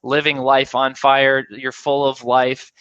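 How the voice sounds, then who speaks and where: A man's voice: medium pitch, flat delivery, takes it slowly, fairly bright tone, clean tone, dry recording, dull audio. A man hosting a casual video interview, enthusiastic and rambling with lots of fillers. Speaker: interview host.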